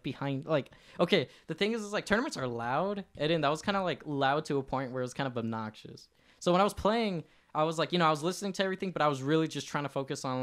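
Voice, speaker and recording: A man's voice: on the high side, a bit bright. A young man co-hosting a casual podcast, telling a story in a rambling way, full of fillers and asides. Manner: rambling, many fillers and laughs. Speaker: podcast co-host.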